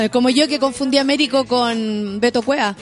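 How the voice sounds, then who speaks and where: A woman's voice: a little high, moderate pace, soft background music. A woman with a Chilean accent hosting a casual morning radio show, chatty and playful, reading out listener messages and laughing often. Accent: Chilean Spanish. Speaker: radio host.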